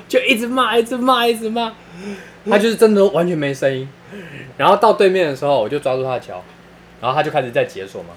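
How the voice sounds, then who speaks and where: A man's voice: fairly high pitch, expressive, fast talker, a little hiss or hum. A man with a Taiwanese Mandarin accent telling funny stories in casual chat, laughing often and using crude slang.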